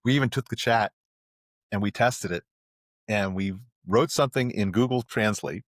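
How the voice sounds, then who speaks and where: A middle-aged man talking casually as a podcast guest, rambling and restarting often, getting animated when he explains. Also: lowish voice, normal speed, no echo, clean studio sound. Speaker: podcast guest, marketing agency president. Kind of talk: casual interview talk.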